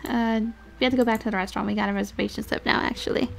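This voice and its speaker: A woman's voice: a little high, fairly even intonation, rapid-fire, gravelly, a little hiss or hum. A woman giving casual walkthrough commentary as a game streamer.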